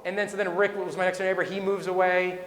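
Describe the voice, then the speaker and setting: A man's voice: high voice, little pitch movement, fast talker, a bit bright. A man in his forties giving a rambling, conversational personal testimony at a business leaders' event. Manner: conversational, rambling with restarts and asides. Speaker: speaker. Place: event hall. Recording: echoey hall with long reverb.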